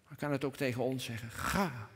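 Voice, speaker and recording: A middle-aged man preaches to his congregation, earnest and sometimes emphatic, sometimes hushed. His voice sits a bit high. Long reverb from the church hall trails behind his words. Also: unhurried. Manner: earnest, rising to emphatic peaks, dropping to a hush on quoted prayers. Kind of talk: sermon.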